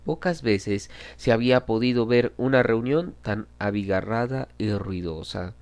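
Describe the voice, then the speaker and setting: A man reading a classic novel aloud in a measured, dramatic storytelling manner. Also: mid-range voice, a little mellow. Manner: measured, dramatic reading, voicing quoted lines. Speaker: audiobook reader. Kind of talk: scripted narration of a classic novel.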